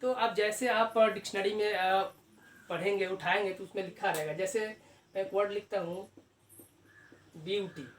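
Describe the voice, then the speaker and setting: A male teacher explains grammar at a board, pausing to ask rhetorical questions and answer them himself, and stretching out key terms. His voice rings around an echoey room, and he sounds some way off from the mic. A faint hiss runs underneath. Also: high-pitched, fairly even intonation, distant mic. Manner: repeats key terms slowly.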